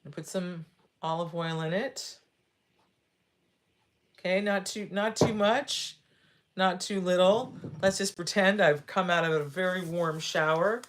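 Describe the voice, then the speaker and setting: A woman in her sixties hosts a live video, casually explaining as she demonstrates something. Her voice is lowish and a little slow, and she pauses often, repeating phrases and tossing in tag questions.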